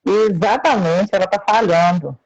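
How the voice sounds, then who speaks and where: A woman speaking as a guest in a live interview, heard through a choppy, breaking-up call line, talking in a slow, measured way. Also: mid-range voice, a little mellow, husky. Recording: dull lo-fi call audio.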